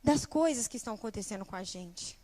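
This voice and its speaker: A young woman preaching a sermon in church, animated, putting rhetorical questions straight to the congregation. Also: medium pitch, fast talker. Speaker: guest preacher and small-group leader.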